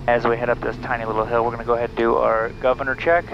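A man's voice: mid-range voice, level tone, racing. A man in his thirties, a bush pilot in a small plane cockpit, talking through his checklists step by step on a headset and making radio calls. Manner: methodical, running through checklists aloud. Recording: muffled headset audio over engine noise.

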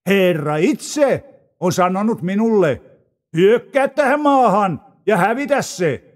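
A man's voice: sits high, expressive, voice pushed up. A man reading the part of a boastful male envoy of a conquering king, with a taunting, declamatory delivery. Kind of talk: dramatized scripture reading.

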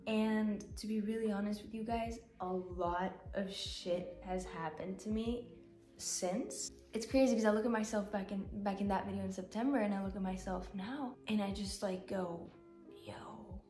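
A woman's voice: medium pitch, darkish tone. Young woman, non-native english, stuffed up nose n slightly shaky voice, candid casual vlog chat, echoey bedroom. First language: not native English speaker. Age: young adult. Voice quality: congested, stuffy-nosed. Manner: candid, informal, swearing. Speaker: vlogger. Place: small bare bedroom, indoors, sitting on a bed. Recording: echoey room.

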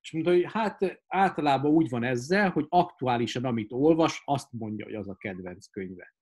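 A man's voice: medium pitch, animated, darkish tone. A man telling rambling anecdotes in a casual live pub chat, with many fillers.

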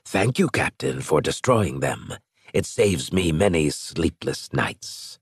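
A man's voice: extremely low pitch, sing-song, breathy edge, no room sound, exaggerated voice. Scratchy icy alien schemer, man putting it on, clipped and smug, very dry sound, swings up and down a lot. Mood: cold. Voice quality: scratchy disguised voice. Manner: measured, clipped and condescending. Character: cold alien strategist, male, calculating and superior. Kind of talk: audiobook character voice.

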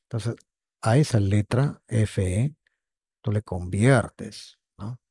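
A man teaching an online English lesson, patiently repeating words and often checking in with "right?", with a gravelly, husky voice. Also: fairly low pitch, slow, warm tone, no room sound. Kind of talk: online lesson explaining grammar.

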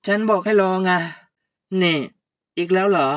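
A haughty young woman who bosses everyone around, as a woman puts her on. She talks loudly and high with a scolding bite. The one-voice audio drama is recorded close and dry. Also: brisk, no echo, natural voice. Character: arrogant young woman, a newly promoted boss.

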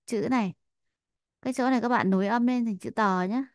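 A woman's voice: fairly high pitch, a little fast, no room sound, clean studio sound. Chatty Vietnamese-speaking woman teacher. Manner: chatty, many fillers, repeats Korean phrases. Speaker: Korean language teacher. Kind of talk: explaining a listening exercise.

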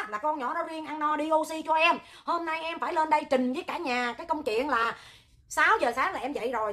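A woman with a Southern Vietnamese accent hosting a livestream, talking loud, hot-tempered and animated, rambling with joking asides. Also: sits high. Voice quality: loud, piercing voice. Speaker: livestream host, charity oxygen volunteer. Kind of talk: livestream talk to viewers.

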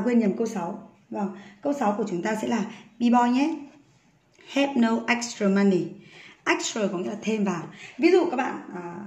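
A woman's voice: mid-range voice, a little mellow, echoey room. A woman English teacher going through an exercise, patiently asking many rhetorical questions.

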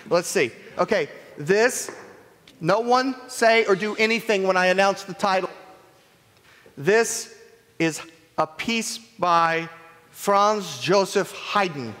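High-voiced man giving a children's sermon. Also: slow, a bit bright. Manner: playful, asks children many questions. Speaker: children's message leader. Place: church sanctuary. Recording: echoey church hall reverb.

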